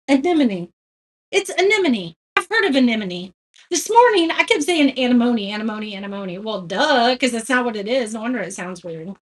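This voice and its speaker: A woman's voice: a little high, fairly bright tone, slightly rough. A woman hosting a casual live painting tutorial, chatting with viewers and greeting them by name. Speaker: craft tutorial host.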